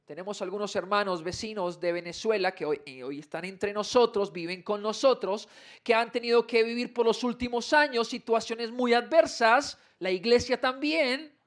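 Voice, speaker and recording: A pastor with a high-pitched male voice preaches in church. He asks his listeners questions, then reads scripture slowly with building emphasis. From Colombia. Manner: preaches with rhetorical questions to the congregation. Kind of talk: sermon. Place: church sanctuary.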